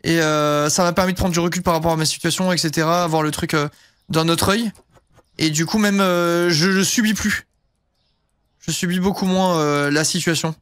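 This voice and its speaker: Young male streamer, high voice, rambling casual chat, dry close sound. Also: fairly even intonation, moderate pace, a bit bright, clean tone, no room sound. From southern France. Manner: rambling, heavy fillers, casual swearing. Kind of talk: casual live-stream chat while gaming.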